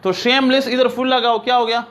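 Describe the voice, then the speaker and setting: A man teaching an English grammar lesson, reading example sentences slowly and often checking that his students understand. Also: very high voice, flat delivery, a bit bright. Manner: explains in Urdu, reads English examples slowly.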